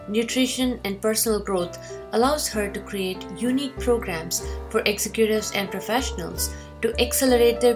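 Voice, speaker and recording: Woman host reading an intro, kinda high voice, guitar music behind. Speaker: podcast host. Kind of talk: reading a guest introduction, then interviewing.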